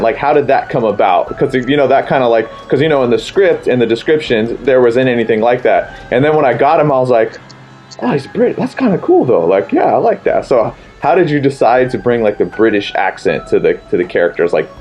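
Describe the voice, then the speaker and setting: A man's voice: medium pitch, fairly quick, few pauses, a little mellow, faint music behind. Rambling casual male interviewer. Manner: rambling, loosely phrased questions. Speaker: interviewer, filmmaker.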